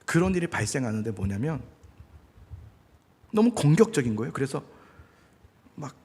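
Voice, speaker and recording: A male pastor preaching in a conversational way, now and then acting out loud, angry prayers. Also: mid-range voice, very animated, moderate pace, slightly rough, long reverb tail. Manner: conversational, acts out angry prayers with sudden shouts. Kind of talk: sermon.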